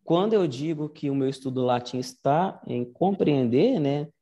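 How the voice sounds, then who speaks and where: A man's voice: on the high side, animated, normal speed, warm tone, lo-fi sound. A man giving a casual online Latin lesson, explaining step by step and often checking in with "né?". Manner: conversational, explains step by step with frequent "né?". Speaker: Latin teacher.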